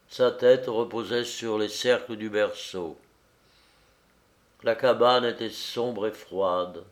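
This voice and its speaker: A male narrator reads a novel aloud in an unhurried, deliberate pace. His voice sits at an ordinary middle pitch and he tells the story expressively, turning to address his listeners.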